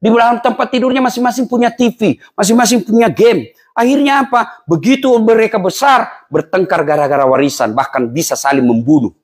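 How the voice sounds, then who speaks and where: Male preacher, high-pitched and animated, loud-to-quiet sermon delivery. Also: fairly quick, husky. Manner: animated, swings from loud to hushed, acts out quoted parents and children. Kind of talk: lively sermon to a live congregation.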